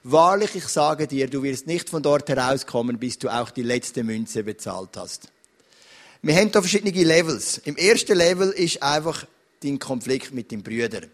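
A middle-aged man with a Swiss German accent preaching a sermon as pastor, in an animated, direct, conversational way. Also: medium pitch, moderate pace.

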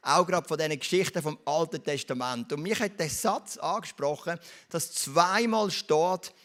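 Swiss German preacher, higher-pitched man. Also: moderate pace, a bit bright. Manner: storytelling, addresses listeners directly with tag questions. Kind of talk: sermon.

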